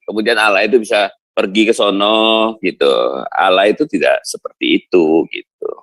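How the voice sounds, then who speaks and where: Low-voiced insistent debater. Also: male voice, normal speed, fairly bright tone, no echo. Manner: insistent, interrupting, repeats points. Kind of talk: heated debate.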